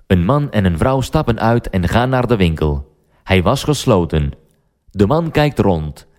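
A man narrating a story for language learners, slow and deliberate. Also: fairly low pitch, darkish tone.

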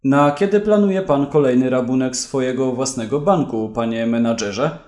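A man's voice: medium pitch, moderate pace, a little mellow, lightly acted. A man voicing a dry, sarcastic police detective in a read-aloud story. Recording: roomy echo.

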